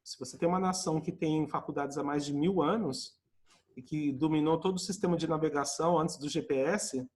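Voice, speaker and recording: A man with a Brazilian Portuguese accent teaching English, explaining with lively acted-out example dialogues. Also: fairly high pitch, a little fast. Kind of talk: live online English lesson.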